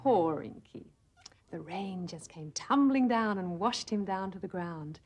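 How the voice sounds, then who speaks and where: A woman's voice: medium pitch, expressive, a little slow. A woman entertainer speaking to young children between songs, playful and full of teasing questions. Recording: echoey room with long reverb and music.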